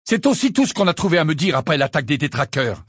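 A man voicing an impatient, angry teenage boy in an audiobook, with sharp outbursts. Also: fairly high pitch, animated, normal speed, breathy edge, dry recording, studio quality, pitched above the performer's own voice. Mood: shouting. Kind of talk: audiobook character voice.

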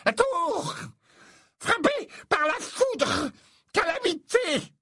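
Reader voicing a theatrical old female seer, squeaky high, stammering, swooping pitch. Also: very animated, drawn-out words, sharp tone, no echo, clean studio sound, exaggerated voice. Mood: portentous. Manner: shrill, stammering, dramatic.

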